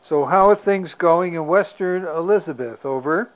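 A man running an amateur radio net, his voice coming over a muffled, narrow-band radio link. He sits a little higher than most men and reads call signs in unhurried, clipped radio procedure. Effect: heard over an amateur radio link. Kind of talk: casual radio net chat.

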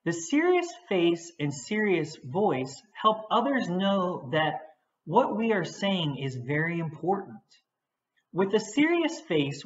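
A woman teacher giving a patient, gentle lesson on feelings for young children. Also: fairly low pitch. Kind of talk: children's social-emotional lesson. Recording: echoey, dull recording.

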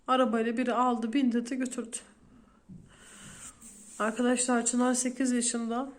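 A woman's voice: a little high, flat delivery, moderate pace. A woman in her thirties, a vlogger speaking straight to her viewers as she retells a frightening day in detail. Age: 30s. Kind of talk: emotional storytelling to viewers.

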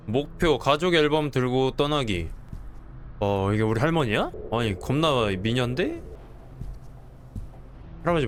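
Young male streamer, lively, jumpy horror-game commentary with a faint noise floor. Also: medium pitch. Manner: jumpy, swears and yells when startled, jokey asides. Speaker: gameplay streamer.

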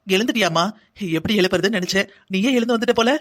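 A man's voice: high-pitched, very fast, a bit bright. A man doing a pushy mother-in-law. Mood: cheerful. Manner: scolding, emotional pleading. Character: bossy middle-aged mother-in-law, pushy and emotional. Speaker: voice actor. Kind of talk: cartoon drama dubbing.

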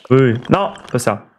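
A man with a mid-range voice streams a building game as casual let's play commentary, thinking aloud and chatting easily with viewers over slight background noise.

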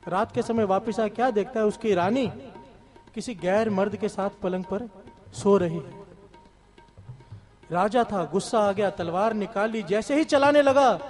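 A man's voice: sits high, unhurried, long pauses, darkish tone, soft background music. A man giving a devotional sermon, telling a parable and calling on the congregation to respond. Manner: storytelling with call-and-response to the congregation. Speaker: satsang speaker. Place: temple hall with instrumental music.

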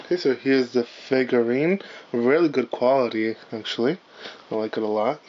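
This card-unboxing channel host has a mellow, mid-range voice worn hoarse and raspy, as if partly lost, and he speaks at a normal speed. Chatty and casual, he apologizes often and leans on fillers as he rips packs at an indoor table, the camera focused on the cards. Faint hiss runs under the muffled lo-fi home audio.

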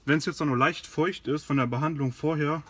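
This car care host's voice is fairly high and fairly bright, steady in tone and a little fast. He gives an informal, somewhat hesitant product demonstration as he works inside and beside a car in a garage.

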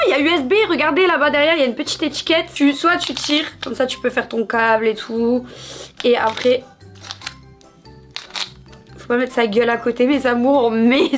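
A woman in her thirties chatting in a bubbly way through a shopping haul video, talking straight to her viewers. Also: sits high. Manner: bubbly, chatty, calls viewers "mes amours". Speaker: haul vlogger. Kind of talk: casual haul video chat.

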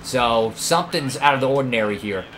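Male gaming YouTuber, bright forward voice, excitable play-by-play with pleading outbursts, faint noise behind. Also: medium pitch, brisk. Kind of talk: live racing game commentary.

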